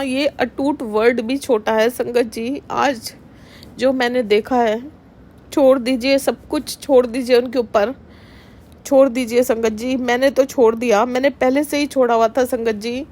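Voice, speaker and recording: Slow, emotional devotional woman speaker. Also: fairly high pitch, a little mellow. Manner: emotional, earnest, addresses listeners as sangat ji. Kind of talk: devotional testimony to followers.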